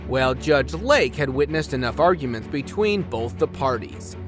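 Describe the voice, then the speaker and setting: Male narrator, dramatized exclamatory commentary, lively intonation, faint music bed. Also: medium pitch, normal speed. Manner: exclamatory, scolding asides to those discussed. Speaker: video narrator. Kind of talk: dramatized commentary over court show clips.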